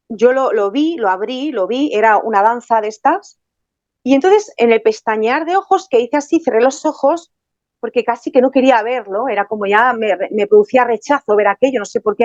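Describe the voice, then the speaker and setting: Woman, testimony guest, lively retelling; higher voice, dry dull sound. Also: dry recording. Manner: animated storytelling with many fillers and restarts. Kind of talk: personal testimony in conversation.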